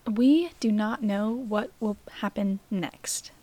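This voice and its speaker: A woman hosting a reflective mindfulness podcast, speaking gently with pauses and soft, breathy phrase endings, her voice slightly worn. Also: medium pitch, low-quality recording. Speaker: podcast host.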